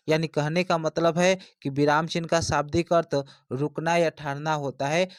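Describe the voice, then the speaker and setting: A man's voice: fairly high pitch, no room sound, clean studio sound. A man teaching an exam-prep lesson, explaining step by step and repeating his points.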